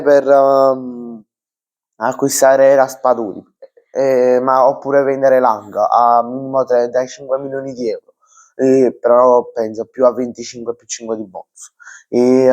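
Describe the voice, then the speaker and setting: A man's voice: medium pitch, a little mellow, low-quality recording. A young man giving an unscripted football transfer news rundown for his channel, full of fillers and restarts. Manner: hesitant, many fillers and restarts.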